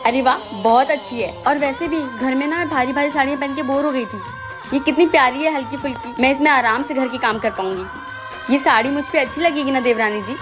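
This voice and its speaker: A kind elder sister-in-law gushes and reassures, played by a woman in a short family drama skit. Her voice is high and bright with kindness. Background music plays clearly behind her. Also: brisk, natural voice. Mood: reassuring. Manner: warm, reassuring.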